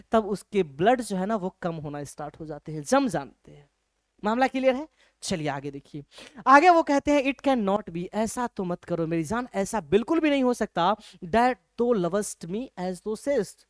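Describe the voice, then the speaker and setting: A male teacher gives a lecture in a lively, conversational way. He keeps checking whether his listeners follow and slows right down to read lines of verse. The sound is dry and close. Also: sits high, no echo. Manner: lively, keeps asking if things are clear; reads English verse slowly. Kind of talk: classroom-style lecture.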